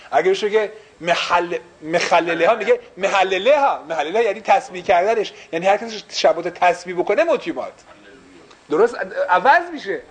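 A religious teacher with a higher-pitched male voice teaches a class in Persian, mixing in English phrases. He explains things by asking rhetorical questions again and again, and the recording is rough.

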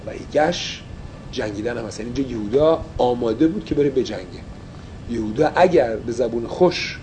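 A man's voice: mid-range voice, a little mellow, a little hiss or hum, rough recording. A man teaching an informal Torah study class, mixing Persian with English and explaining phrases as he goes.

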